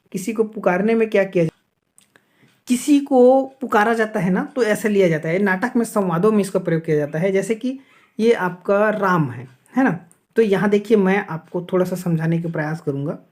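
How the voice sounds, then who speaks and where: In this exam-prep grammar lesson, a man from Chhattisgarh, India, speaks in a high voice with a darkish tone. He answers the questions he raises himself, says "okay" a lot to check in, and goes slowly through sounds one at a time.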